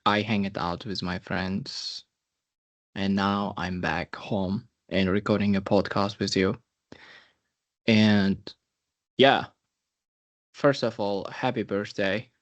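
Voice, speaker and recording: A man's voice: lowish voice, muffled recording. A man in his twenties hosting a casual podcast chat, talking in an earnest, reflective way and giving brotherly advice. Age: 20s. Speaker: podcast host.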